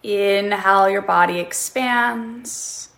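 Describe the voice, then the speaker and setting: A woman leads a guided meditation at a very slow pace, with slow breath counting and long pauses. Her mid-pitched voice has a clear creak at the edges. The phrases are short and instructional. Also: fairly bright tone.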